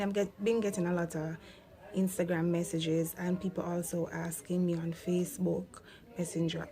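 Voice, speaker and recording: A Jamaican woman in her thirties chats her way through a casual Q&A vlog. Her voice sits a touch low and sounds warm and mellow. She drifts easily into patois now and then. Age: 30s. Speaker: vlogger.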